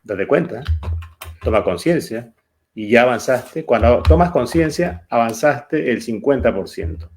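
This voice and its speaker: A man's voice: medium pitch, lively intonation, measured pace, a little mellow, slight background noise. Male coach for a live motivational session, emphatic, leans on repetition. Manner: emphatic, repeats words for effect. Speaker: neuro-coach co-host.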